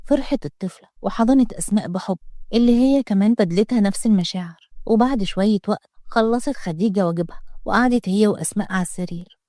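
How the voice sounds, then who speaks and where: A woman with an Egyptian accent narrating a romantic story in a brisk, expressive way. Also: mid-range voice, no echo, studio quality.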